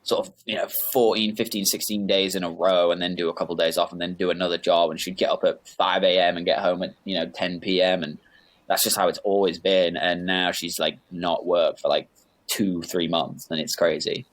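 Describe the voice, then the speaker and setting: A deep-voiced, laid-back young man from the United Kingdom chats as a guest in a casual interview, where he's introduced as a music producer. His delivery is flat and brisk, and he rambles with lots of fillers and self-corrections.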